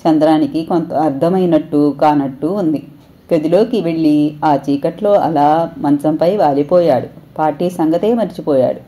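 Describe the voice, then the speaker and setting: A woman storyteller narrating an audio story in a steady, expressive reading. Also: deep voice, moderate pace.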